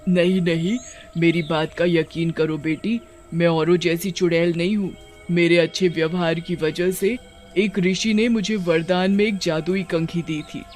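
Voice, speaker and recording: A man voicing a gentle river witch. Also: fairly high pitch, steady tone, unhurried, faint music behind, lightly acted. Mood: soothing. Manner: gentle, soothing, motherly. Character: kindly old female river witch.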